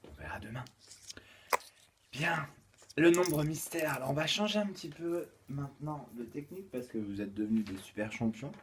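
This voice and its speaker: A male kindergarten teacher giving a home-schooling lesson to young children. He counts aloud, sings a rhyme and reads riddles slowly and clearly. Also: medium pitch, animated, a little hiss or hum.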